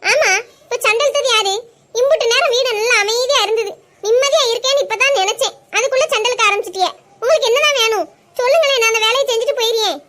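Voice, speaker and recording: A woman's voice: extremely high pitch, fast talker, sharp tone. A woman voicing a defiant young daughter-in-law in a cartoon, with a Kanyakumari Tamil accent and curt, exasperated retorts. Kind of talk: cartoon voice acting.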